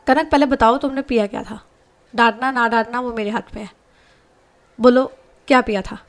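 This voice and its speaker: A bossy young woman in a spoken love story, scolding and pressing with firm questions, as a woman narrator puts her on. The voice is fairly high and close to the teller's own. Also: fairly even intonation, moderate pace, close to an everyday voice.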